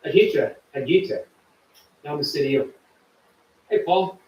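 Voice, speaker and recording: Chatty and warm toward his audience, a livestream host reads viewer comments aloud in a slightly high, expressive voice at normal speed. The sound is reverberant and the mic distant, making for a low-quality recording.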